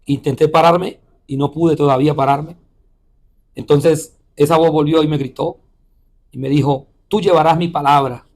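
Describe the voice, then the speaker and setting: A man with a fairly high voice recounts his testimony as a pastor. He talks haltingly, restarting phrases and filling pauses with "eh". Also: fairly even intonation, a little mellow. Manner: halting, repeats words and says "eh" often. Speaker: pastor and missionary. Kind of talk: telling a personal testimony in an interview.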